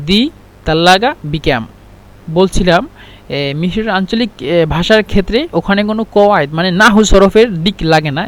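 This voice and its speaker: High-voiced man teaching a language lesson. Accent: Bangladeshi Bengali. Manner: explains slowly with many restarts and fillers, repeats example phrases. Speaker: Arabic teacher.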